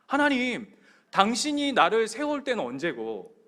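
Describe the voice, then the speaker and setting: A grown king rages at God, his voice climbing high and swinging wildly as he cries out in protest, as a preacher acts him out. The cry is anguished and strained, pitched well above an everyday speaking voice. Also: animated, brisk. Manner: crying out in protest.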